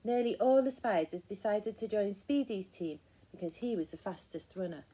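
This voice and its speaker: A woman hosting a story time and reading a children's picture book aloud in a gentle, expressive and encouraging way. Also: medium pitch, moderate pace, slight background noise.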